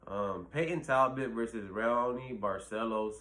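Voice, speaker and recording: A man's voice: mid-range voice, measured pace, sharp tone. A man hosting his own channel, giving blunt, profane fight predictions in a rambling casual talk full of fillers. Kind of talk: casual solo commentary.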